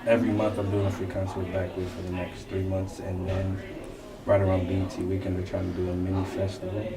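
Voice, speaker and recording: A man's voice: deep voice, completely flat delivery, quick pace. A man who is a guest on a casual interview, chatting loosely with lots of fillers and swearing. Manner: laid-back, rambling, with many fillers and swearing. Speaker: guest, event promoter and DJ. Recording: roomy echo, distant mic, crowd noise behind.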